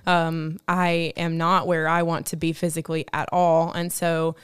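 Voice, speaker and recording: A woman with a very smooth, clear voice, speaking as a podcast guest. She talks in a hesitant, candid way, her tone fairly flat and a little low. The recording is dry. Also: normal speed, dry recording. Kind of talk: casual podcast discussion.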